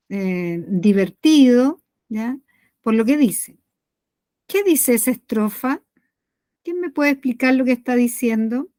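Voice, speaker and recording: A woman's voice: fairly high pitch, darkish tone, no room sound. A woman teacher giving an online poetry lesson, explaining patiently, asking the class questions and often checking that they follow.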